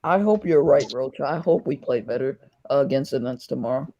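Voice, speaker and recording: A man's voice: medium pitch, fairly quick, warm tone, dull audio. A man arguing heatedly and defensively as a fan in a casual live sports chat.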